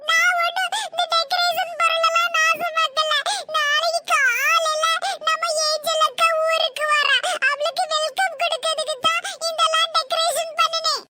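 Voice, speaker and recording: A squeaky, very high cartoon village girl voiced by a woman, spirited and bossy, with a Tirunelveli Tamil lilt. She insists on getting her way. Loud noise hisses under her voice. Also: very animated, brisk, hardly any pauses. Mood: defensive.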